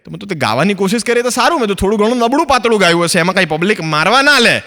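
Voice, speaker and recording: A man's voice: sits high, animated, racing, pushed and bright, long reverb tail. A man from Ahmedabad with an Ahmedabadi Gujarati accent doing a stand-up comedy monologue, chatty and acting out both sides of his stories. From Ahmedabad, Gujarat, India. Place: stage, filmed for a comedy recording.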